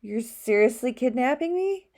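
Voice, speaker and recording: A woman's voice: on the high side, animated, normal speed, dark tone, voice pushed up. A woman reading a defiant, foul-mouthed young vampire woman in an audiobook, speaking sarcastically.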